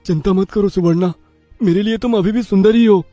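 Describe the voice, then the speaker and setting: A woman voicing a gentle, devoted young husband who speaks softly and tenderly in a storybook tale. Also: mid-range voice, a little fast, no echo, soft background music, close to an everyday voice. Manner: soft, pleading, tender.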